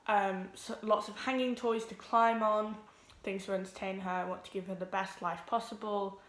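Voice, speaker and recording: A teenage girl talks to her camera at home. She sounds nervous, rushes along and fills gaps with ums. Her voice sits in a middle pitch, and the room around her is echoey. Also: fairly even intonation. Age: teens. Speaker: vlogger. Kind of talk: casual vlog introduction.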